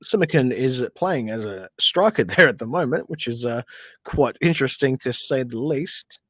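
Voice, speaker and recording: A man's voice: mid-range voice, lively intonation, moderate pace, fairly bright tone, no room sound. An Australian man hosting a casual livestream football watch-along, chatting, reading viewer questions and venting at players. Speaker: podcast host. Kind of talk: casual livestream match commentary.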